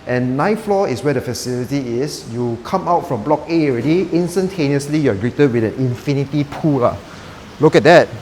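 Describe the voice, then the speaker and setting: Touring a residential complex on foot, inside and outdoors, this young man speaks Malaysian-accented English at a moderate pace, animated and a bit mellow at medium pitch. He's chatty and cheerful, dropping "lah" tags, with slight background noise behind him.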